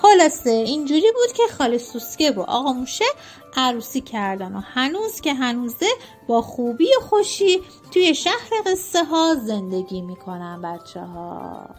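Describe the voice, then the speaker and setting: A woman telling a storybook tale to children, lively and expressive. Her voice sits high, with faint music playing underneath. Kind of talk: scripted story narration. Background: soft music.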